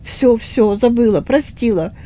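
A woman's voice: on the high side, measured pace, dark tone, voice pushed up. A woman voicing a loving, frightened mother in a retold story, soothing and tender.

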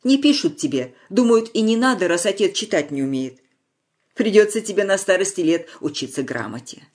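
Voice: expressive, a little fast, lightly acted. Hunchbacked postmaster, read by the narrator: gloomy man, tearful pleading tone, storybook tale. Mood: gently joking. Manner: tearful, pleading, shrill at times.

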